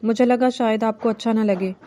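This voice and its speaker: A woman's voice: fairly high pitch, fairly even intonation, warm tone, close to an everyday voice. Woman reading as a timid young bride. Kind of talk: novel reading.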